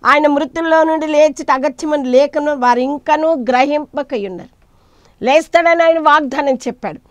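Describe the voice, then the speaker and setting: A woman preaching a sermon, swinging between loud cries and hushed asides as she retells scripture in quoted voices. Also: high-pitched, moderate pace, dry recording.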